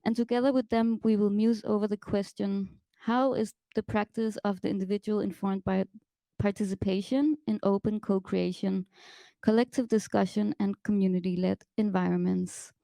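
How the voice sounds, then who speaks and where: A woman hosting a festival symposium, reading a measured, scripted introduction. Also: medium pitch, flat delivery, creaky, dark tone, no room sound. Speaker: festival host, moderator. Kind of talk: read introduction.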